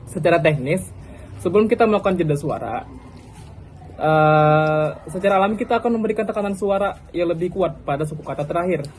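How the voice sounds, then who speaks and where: A man's voice: sits high, animated, a little fast, darkish tone, a little hiss or hum, rough recording. A young man giving a casual student class presentation, chatty, with frequent fillers and restarts.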